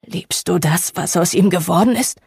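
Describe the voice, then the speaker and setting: A woman reading an audiobook, voicing a wounded, remorseful young man in a lowered, quiet voice. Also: moderate pace, creaky, slightly rough, no echo, clean studio sound, heavily acted.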